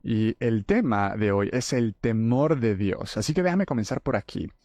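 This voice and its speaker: Guy hosting a faith podcast, dark mellow voice, dry close sound, earnest and chatty. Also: mid-range voice, expressive, normal speed, no room sound. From El Salvador. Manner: earnest, conversational preaching. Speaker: podcast host.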